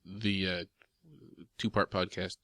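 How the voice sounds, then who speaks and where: A man's voice: low voice, level tone, slow pace, fairly bright tone, no room sound. A young man hosting a casual podcast, upbeat and steering the talk along. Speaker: podcast host. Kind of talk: casual chat.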